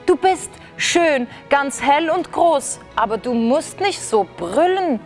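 A woman reading a storybook, voicing a lonely young male frog who calls out high and excited. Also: slow, soft background music. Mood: eager calling.

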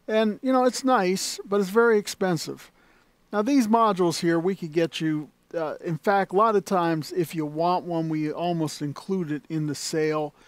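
Seated at an organ console indoors, the shop's dealer talks at normal speed in a high voice with fairly even intonation. The recording is dry, and his casual demonstration wanders with lots of fillers and restarts.

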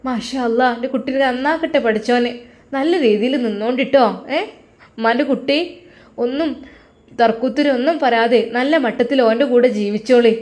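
A woman voicing an older rural mother, giving quick, earnest, preachy advice over the phone. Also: high-pitched, darkish tone, close to an everyday voice.

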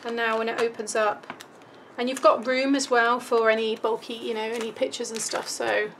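This woman from the United Kingdom leads a chatty, step-by-step craft tutorial at an indoor craft table, thinking aloud as she works while her voice begins to fail. She speaks fairly high and a bit bright, flat in delivery and moderate in pace, with a little hiss or hum in the recording.

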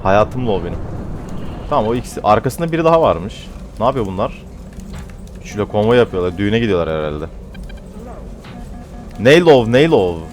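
A man giving casual commentary on his own game, teasing opponents playfully and going loud and high when frustrated. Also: quick pace, soft background music. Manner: excitable, trash-talks opponents playfully. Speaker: gamer narrating his own play.

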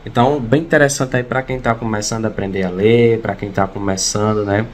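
A man's voice: on the low side, steady tone, brisk. A young man with a Brazilian accent giving a casual, conversational gadget review into a phone indoors. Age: young adult. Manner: conversational, frequent tag questions. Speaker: product review vlogger. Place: small indoor room at home. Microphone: phone at arm's length. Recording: faint background room noise.

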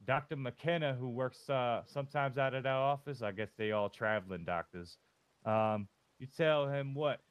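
A man's voice: medium pitch, normal speed, smooth, no echo. A man playing a rambling, folksy, boastful undertaker in a western role-play over voice chat. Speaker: roleplayer as undertaker.

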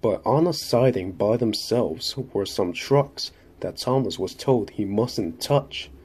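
A man narrating a children's railway story in a measured, steady reading. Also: lowish voice, breathy edge.

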